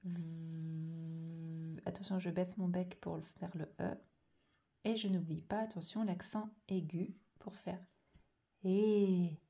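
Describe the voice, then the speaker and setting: A woman teaching a slow handwriting dictation lesson, carefully drawing out each sound and letter. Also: fairly low pitch, fairly even intonation, creaky, mellow. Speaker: primary school teacher.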